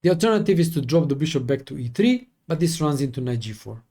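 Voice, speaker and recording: A man working through chess opening lines as a coach, thinking aloud with fillers and quick self-corrections. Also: fairly high pitch, very animated, mellow.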